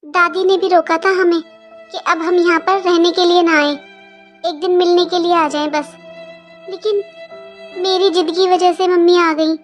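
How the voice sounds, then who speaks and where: A woman doing a very high little girl. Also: level tone, unhurried, pauses often, lo-fi sound, soft background music. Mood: earnest. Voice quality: high childlike voice. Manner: pleading and talkative. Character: young girl, outspoken and earnest. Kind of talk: cartoon voice acting.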